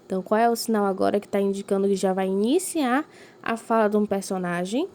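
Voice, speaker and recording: A woman's voice: mid-range voice, darkish tone. A woman teacher giving a recorded lesson to young pupils, explaining patiently and checking in with them often. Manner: slow, clearly emphasized reading of examples.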